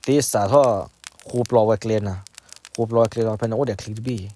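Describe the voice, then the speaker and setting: A man telling a folk story in an unhurried, conversational way. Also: on the low side, fairly even intonation, mellow, a little hiss or hum.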